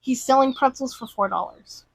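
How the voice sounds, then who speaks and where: A woman's voice: sits high, moderate pace, vocal fry, slight background noise, poor audio. A woman in casual chat, animatedly retelling a cartoon and acting out the characters' lines. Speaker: podcast co-host.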